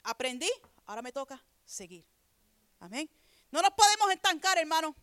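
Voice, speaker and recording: A woman's voice: high-pitched, big pitch swings, normal speed, fairly bright tone, no room sound. A woman preaching a sermon in a conversational way, often checking in with her listeners and reading scripture aloud before explaining it. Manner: conversational preaching, repeatedly asks "¿verdad?".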